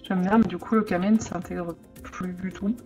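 A woman thinking aloud as she makes a card, with frequent hesitations and the odd hushed aside. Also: fairly low pitch, fairly even intonation, moderate pace. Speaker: crafting vlogger. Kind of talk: casual crafting tutorial. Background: background music.

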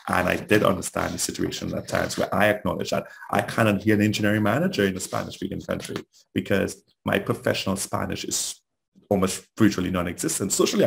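A Trinidadian man with a Trinidadian accent gives a conversational webinar talk as a trainer, posing rhetorical questions. His voice sits low with vocal fry, and the poor recording carries a little hiss or hum.

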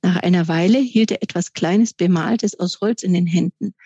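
A woman author reading aloud from her children's book in calm, measured storytelling. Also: on the low side, husky, dry recording. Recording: dry, slightly dull recording.

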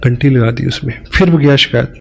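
A man giving a motivational speech to a live audience, emphatic, mixing in English phrases and slowing down on key words. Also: medium pitch, vocal fry. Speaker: motivational speaker at a business seminar.

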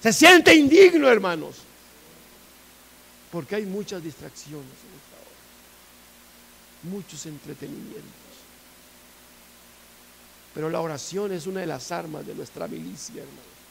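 A man preaching a fervent sermon in church, repeating himself and swinging from hushed tones to loud appeals. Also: on the high side, animated, normal speed, vocal fry, long pauses, slight background noise.

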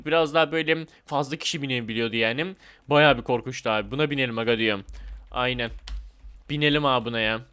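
An excitable young man talks his way through a game in a slightly high voice. He chats casually to his viewers and breaks into laughter and yelps. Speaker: gaming YouTuber. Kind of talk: casual Roblox let's play commentary.

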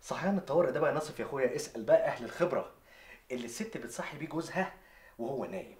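A man's voice: mid-range voice, lively intonation, very fast, lightly acted. An actor playing a brash, comic young man who wants to be a singer, with an Egyptian accent. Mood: joking. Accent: Egyptian Arabic. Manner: jokey, teasing, bursts into loud off-key singing. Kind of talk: television drama acting.

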